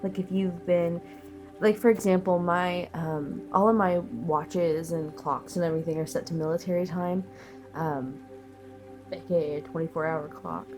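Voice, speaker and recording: Over music, a woman with a lowish, steady voice reads tarot for a collective audience at a moderate pace. She is sick, so she sounds nasal and sniffly, and her talk wanders thoughtfully with many fillers.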